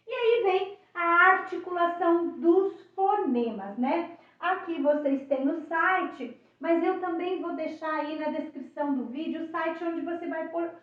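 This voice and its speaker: High-voiced woman teaching in an echoey room. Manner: lively, explanatory, with frequent rhetorical questions. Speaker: educator and therapist. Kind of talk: teaching presentation for teachers and parents. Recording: echoey room, distant mic, dull sound.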